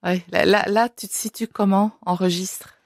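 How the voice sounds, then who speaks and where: A woman's voice: mid-range voice, fairly even intonation, normal speed, dry recording, clean studio sound. A woman hosting an interview, asking friendly, encouraging questions in a casual way. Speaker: interviewer host.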